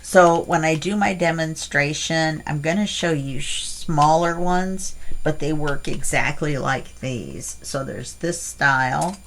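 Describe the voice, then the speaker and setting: Speaking slowly in a low-pitched voice with few pauses, this middle-aged crafting channel host rambles chattily through an unboxing. She uses plenty of fillers, and allergies leave her sounding stuffy.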